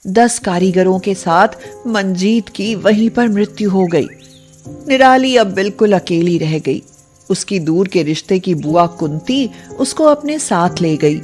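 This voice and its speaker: A woman narrating a scripted cartoon story in a steady, plain manner. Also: medium pitch.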